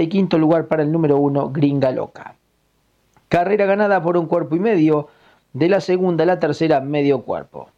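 A man with a Uruguayan accent giving a formal, measured report of horse racing results as a radio correspondent. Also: fairly high pitch, warm tone, dull audio.

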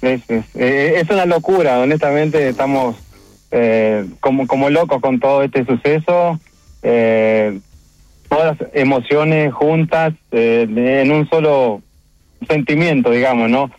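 Uruguayan guy on the phone, choked up, lots of stops and restarts, flat dry muffled line. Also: mid-range voice, no echo, faint music behind. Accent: Uruguayan Spanish. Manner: emotional, halting, many restarts and fillers. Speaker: chef and restaurant owner. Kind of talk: phone interview.

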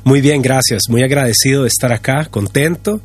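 A man's voice: medium pitch, brisk, husky, faint music behind. A man in his fifties from Costa Rica, a pastor and guest on a radio talk show, speaking reflectively with hesitations and repeated words. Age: 50s.

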